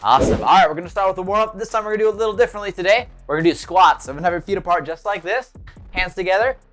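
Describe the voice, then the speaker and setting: A man teaching martial arts to children, energetic and encouraging, calling out counts and commands for the group to repeat, with short bursts of praise. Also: high-pitched, racing, faint music behind. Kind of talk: upbeat kids' fitness lesson with call-outs.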